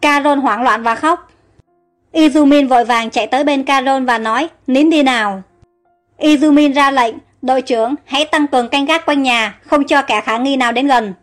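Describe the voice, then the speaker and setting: A woman's voice: high-pitched, moderate pace, soft background music. A woman narrating a story, reading all the characters' lines in her own voice. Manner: reads every character in one steady voice. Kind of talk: storybook reading of a comic adaptation.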